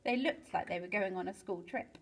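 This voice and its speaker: A woman's voice: mid-range voice, brisk, low-quality recording. Woman reading a children's story aloud. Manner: lively storytelling with big swings for excitement. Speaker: teacher reading to pupils.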